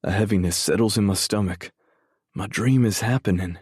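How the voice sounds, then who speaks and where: A man narrating a first-person romance audiobook in a measured, brooding way, swearing freely. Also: on the low side, darkish tone, breathy edge, no echo, studio quality.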